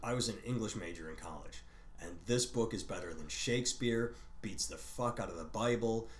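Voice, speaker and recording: A man chatting casually as a podcast co-host, opinionated and quick to swear. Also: on the low side, reverberant. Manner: profane, opinionated, animated storyteller. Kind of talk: casual chat.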